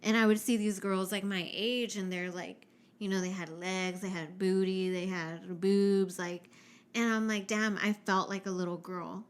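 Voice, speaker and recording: A woman's voice: medium pitch, steady tone, moderate pace, clean tone. A young woman and podcast co-host in casual chat, talking frankly with lots of swearing, filling her talk with "like" and dropping in Spanish words. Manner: frank and profane, heavy use of "like".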